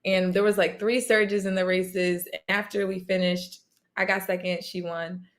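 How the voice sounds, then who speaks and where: Young woman, athlete guest, casual chat, animated storyteller, laughs a lot. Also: on the low side, normal speed.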